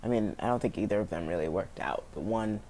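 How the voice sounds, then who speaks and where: A man answering interview questions in a hesitant, thoughtful way, with frequent pauses and fillers. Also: lowish voice, mellow, slight background noise.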